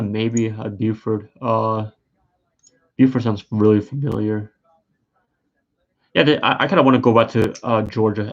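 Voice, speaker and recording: A man's voice: fairly low pitch, vocal fry, lo-fi sound. A tired, yawning man giving rambling, hesitant live-stream commentary, full of fillers and restarts. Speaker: sports streamer.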